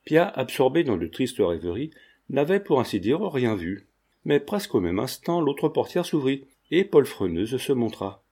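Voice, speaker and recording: Man, audiobook narrator, reading a novel, dark mellow timbre, steady. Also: mid-range voice, moderate pace, husky. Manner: steady storytelling delivery.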